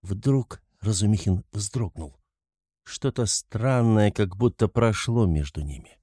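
Deep-voiced man narrating a novel. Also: slow, warm tone, no room sound, studio quality. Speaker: audiobook narrator. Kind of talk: literary audiobook narration.

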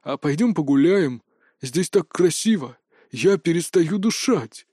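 A man's voice: fairly high pitch, expressive, a little slow, mellow, husky, no echo, clean studio sound. A man voicing a burly, blissfully lovestruck young man with a sing-song, swooning delivery, in an audiobook.

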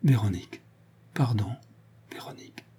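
A man voicing a dying old father who speaks in a faint, raspy, frightened whisper. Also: on the low side, normal speed, mellow.

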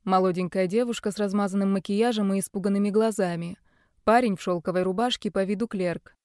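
A woman narrating an audiobook in a steady, expressive reading. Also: mid-range voice, fairly quick, dry recording, studio quality. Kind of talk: scripted narration.

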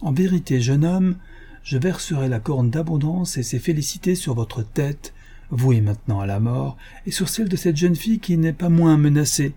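A man voicing a scheming male tempter in an audiobook, speaking in a soft, coaxing, persuasive way. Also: a little high, expressive, normal speed, breathy edge, pitched above the performer's own voice. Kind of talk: audiobook character voice.

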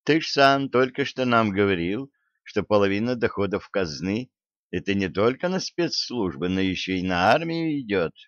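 A man voicing a stern, sharp-tongued tsaritsa who mocks and scolds. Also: lowish voice, expressive, moderate pace, dry recording, natural voice. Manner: stern, mocking. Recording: dull lo-fi dry recording.

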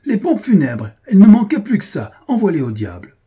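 A man's voice: medium pitch, unhurried, warm tone, slightly rough. A man voicing a grief-stricken male painter, obsessive and volatile, with a feverish, exclamatory way of speaking. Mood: furious.

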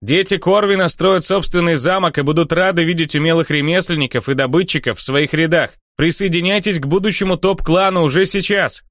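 A brash young herald in an audiobook, shouting and taunting in a raised, lively voice, as a man reads him. He rattles off cheeky patter. The sound is dry and close. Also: a little high, fairly quick, no room sound, voice pushed up. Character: brash loud young male herald player.

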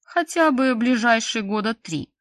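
A woman's voice: a little high, lively intonation, unhurried, no room sound, studio quality. A woman reading an audiobook, voicing a stern, sarcastic female school director with a curt, grumbling manner.

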